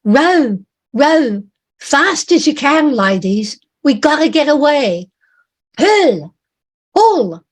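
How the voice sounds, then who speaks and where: A woman voicing a frantic male sailor who shouts urgent orders at rowers. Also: high voice, big pitch swings, slow, pitched above the performer's own voice, heavily acted. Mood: frantic shouting.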